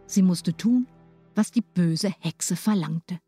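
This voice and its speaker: A woman reading a fairy tale aloud, in a lively, expressive way. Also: fairly low pitch, slow pace, husky, soft background music. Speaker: storyteller.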